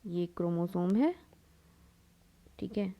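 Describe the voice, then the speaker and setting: This young female lecturer has a lowish voice and talks slowly, and the recording's highs are cut off. Drawing as she explains biology, she blends English words into Hindi, calls the class "beta," and answers her own questions.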